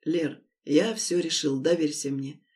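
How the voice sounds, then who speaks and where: Audiobook hero read by a woman: gentle, confident young man, lowered soft voice. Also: moderate pace, recorded from a distance, natural voice.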